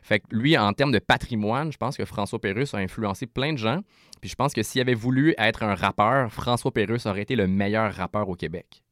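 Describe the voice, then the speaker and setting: A man with a Québécois French accent, a rapper guest explaining rhyme in a casual interview, animated and full of restarts. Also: lowish voice, a little fast, no room sound, studio quality.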